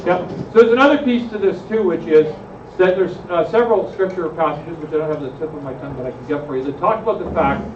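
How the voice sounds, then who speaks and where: A man's voice: on the high side, fast. A man leading a church group discussion, often asking the room questions and adding "right?". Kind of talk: conversational Bible study discussion. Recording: roomy, distant, slightly muffled with faint noise.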